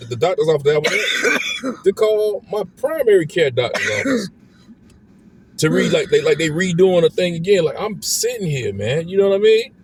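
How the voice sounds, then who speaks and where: A man who is unwell vents heatedly on a car ride home, repeating himself as he talks to his viewers. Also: medium pitch. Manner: heated, repetitive, keeps asking "you know what I'm saying". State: unwell, congested. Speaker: family vlogger. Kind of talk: ranting car-ride vlog. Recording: car road noise behind the voice.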